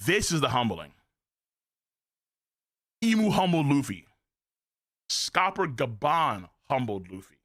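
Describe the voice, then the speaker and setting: A man streaming a live manga reaction, excitable and profane, full of slang. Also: medium pitch, slow pace, long pauses.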